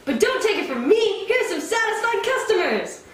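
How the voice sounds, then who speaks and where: A young woman playing a pushy, excitable infomercial pitchwoman in a parody ad. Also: moderate pace. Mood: peppy salesmanship. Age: young adult. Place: office-like indoor room. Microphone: camera across the room. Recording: roomy indoor echo, background noise.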